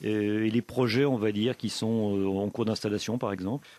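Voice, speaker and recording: A man's voice: fairly low pitch, fairly even intonation, brisk, a little mellow. A man hosting a radio interview, asking questions and adding chatty, conversational asides. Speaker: radio host.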